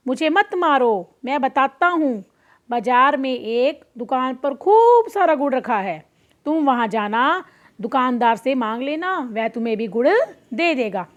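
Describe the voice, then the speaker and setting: A woman's voice: sits high, lively intonation, measured pace. A woman voicing a small, polite male rabbit who sweet-talks and pleads, in a plain storybook reading. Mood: pleading. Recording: dull lo-fi recording.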